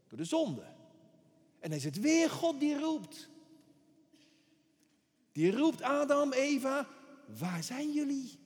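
A man's voice: fairly high pitch, a little mellow, in a large hall. A man preaching a sermon with emphasis, repeating words for effect.

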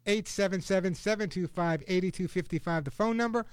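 A man's voice: sits high, brisk, smooth, no echo. A man hosting a radio call-in show in a casual, chatty talk style.

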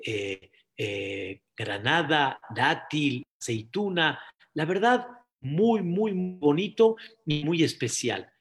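A man giving a sermon as a rabbi, repeating phrases, calling listeners dear brothers and sinking to a soft near-whisper for emphasis. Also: fairly high pitch.

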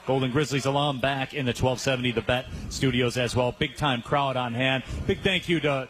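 A man's voice: medium pitch, fairly bright tone, rough recording. A man hosting a sports radio show live from a pub, upbeat, plugging sponsors and asking about the schedule. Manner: upbeat, plugs sponsors, fills with "uh". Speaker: radio host. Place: pub during a live broadcast.

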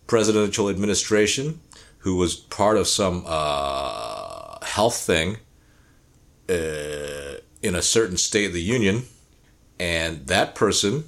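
A man co-hosting a podcast in casual chat, blunt and profane, rambling with many restarts, known to speak rapidly. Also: low-pitched, expressive, vocal fry, fairly bright tone. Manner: speaks rapidly by his own account. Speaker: podcast co-host.

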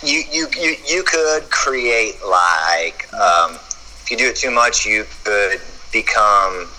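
Male chiropractor guest, low and very bright voice, casual and halting. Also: lively intonation, slight background noise, poor audio. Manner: halting, repeats words when starting a thought. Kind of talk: casual podcast chat.

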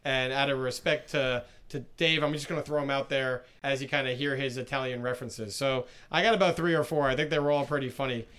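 A man's voice: medium pitch, steady tone, fairly quick, hardly any pauses, fairly bright tone, clear, resonant tone. A man co-hosting a sports podcast, casually retelling a broadcaster's jokes and breaking down the calls. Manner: chatty, retells announcer jokes with laughs. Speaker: podcast co-host.

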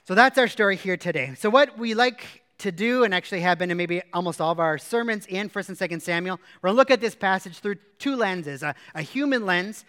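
Man, pastor, casual sermon, crisp resonant voice, reverberant hall. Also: high voice, a little fast, hardly any pauses, a bit bright. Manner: conversational, plain-spoken retelling with casual asides.

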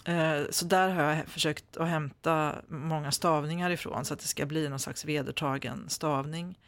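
A Swedish man speaking standard Swedish answers interview questions as an author, hesitating often with lots of fillers and restarts. His voice sits a little high and is gravelly yet fairly bright, with fairly even intonation, in a conversational interview.

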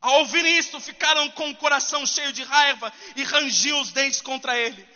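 A preacher delivers a lively, humorous sermon, talking straight to his listeners. His voice is very high and bright, and a long reverb trails off it. The sound is a little dull. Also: moderate pace. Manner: animated, humorous, addresses the congregation directly.

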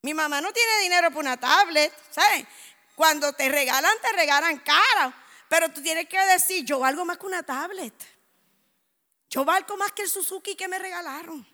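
A woman preaching a sermon, telling lively anecdotes and acting out the dialogue. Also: extremely high pitch, moderate pace. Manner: animated storytelling, acts out dialogue. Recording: echoey hall.

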